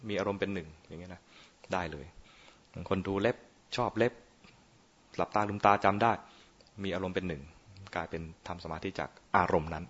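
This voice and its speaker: Low-voiced monk, teasing dharma talk. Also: male voice, fairly bright tone, husky. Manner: playful, teasing, quizzes listeners with questions. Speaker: Buddhist monk teaching meditation. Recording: muffled lo-fi recording.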